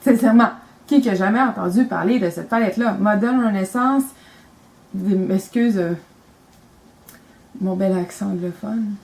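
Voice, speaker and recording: A woman's voice: medium pitch, normal speed, creaky, long pauses, a little mellow, rough recording. A young woman with a Quebec French accent, talking casually and enthusiastically about her makeup, rambling with lots of fillers. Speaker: beauty vlogger.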